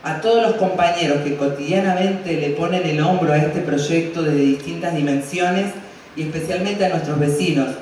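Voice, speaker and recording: Very echoey, high-voiced Argentine man. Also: moderate pace, a little mellow. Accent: Argentine, from Santa Fe province. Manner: colloquial, fond diminutives, checking in with '¿no?'. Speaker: award recipient from a community library. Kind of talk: unscripted acceptance speech. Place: large hall at an award ceremony. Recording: very echoey hall, distant mic, faint noise.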